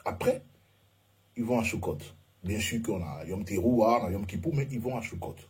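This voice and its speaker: A man teaches a relaxed Bible and Hebrew lesson, pointing his listeners to slides as he goes. His voice is deep, dark and mellow, and very husky. He pauses on fillers and keeps asking whether they follow. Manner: keeps checking in with "ok?" and "vous voyez?", often hesitates with "euh". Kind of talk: informal teaching talk with slides.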